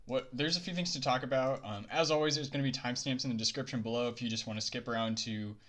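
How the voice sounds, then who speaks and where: A young man chatting to camera in a loose, rambling way, full of ums and restarts. His voice sounds bright and a bit tense, at a middle pitch for a man. He is slightly winded, as if just back from a workout. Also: quick pace. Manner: rambling, filler-heavy, laid-back. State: out of breath after a workout. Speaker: poker vlogger. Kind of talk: casual chat to camera.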